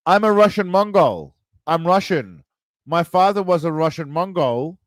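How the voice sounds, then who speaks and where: A man's voice: high-pitched, expressive, moderate pace, no echo. Tipsy man hosting a rambling quiz stream. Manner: rambling, loose, swearing, reads quiz options aloud. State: tipsy, self-described as wasted. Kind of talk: casual livestream chat.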